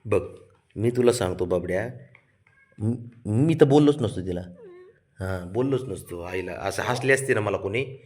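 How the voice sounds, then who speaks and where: A man at home coaxing and teasing his pet cat in a lively sing-song way. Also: on the low side, normal speed, pauses often. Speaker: cat owner talking to his cat. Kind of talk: casual chat with a pet.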